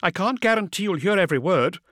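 A man voicing a brisk female communications officer on a warship bridge, giving clipped technical reports in a raised voice. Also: high-pitched, expressive, a bit bright, dry recording, clean studio sound, voice pushed up. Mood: brisk reporting.

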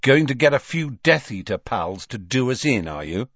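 A bold, mocking teenage boy from a storybook, read by a man. He taunts with open defiance and lively swings of pitch. The sound is dry and slightly dull. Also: moderate pace, dry recording. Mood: defiant.

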